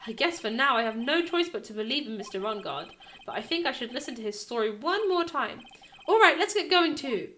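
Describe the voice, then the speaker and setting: Lively, bright-voiced woman streamer. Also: high-pitched, a little fast, slight background noise. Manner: chatty, animated, reads aloud. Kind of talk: live game stream, reading dialogue aloud.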